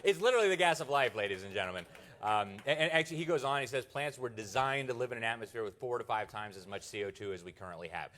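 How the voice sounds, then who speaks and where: A journalist from Miami in the United States gives a conference talk, speaking fast and expressively in a mid-range, slightly bright voice. He sprinkles in mocking, sarcastic asides.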